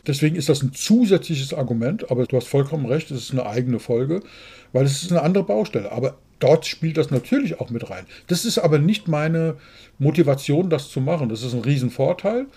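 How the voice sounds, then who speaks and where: Blunt, husky man. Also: fairly high pitch, fairly quick. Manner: blunt, outspoken, animated storytelling. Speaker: business consultant, podcast co-host. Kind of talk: casual podcast conversation.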